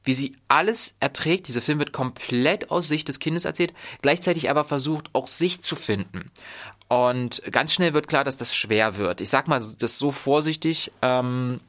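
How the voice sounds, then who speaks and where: A man's voice: mid-range voice, fairly bright tone. A man casually recapping films he has watched, rambling with many fillers and restarts. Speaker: film reviewer. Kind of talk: casual podcast film talk.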